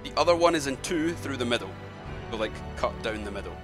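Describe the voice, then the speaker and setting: A man's voice: mid-range voice, lively intonation, fast. A man narrating a tabletop game as game master, rambling and hesitant with many fillers. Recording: background music.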